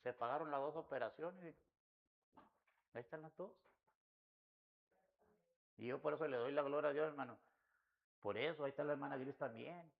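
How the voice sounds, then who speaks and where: Man, preacher, earnest sermon voice, slightly high, muffled lo-fi sound. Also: moderate pace, vocal fry, pauses often. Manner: earnest, addresses listeners as "mi hermano".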